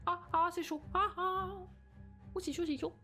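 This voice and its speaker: A woman's voice: very high-pitched, fairly even intonation, moderate pace, bright, forceful tone, faint music behind. A young woman streaming a game, chatting casually, hesitant and reading game text aloud. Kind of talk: casual let's-play chat.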